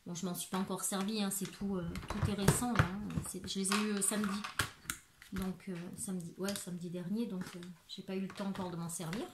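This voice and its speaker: A woman's voice: medium pitch, little pitch movement, fairly quick. A woman in her forties from France, chatting casually through a crafting haul with lots of fillers and restarts, recorded at home. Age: 40s. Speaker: crafting YouTuber. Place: home living room. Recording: echoey room with background noise.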